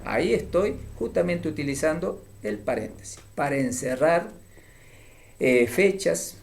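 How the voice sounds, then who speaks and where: A man's voice: on the high side, vocal fry, a little mellow, a little hiss or hum. A man teaching a grammar lesson, explaining patiently and often checking in with short "mm?" tags.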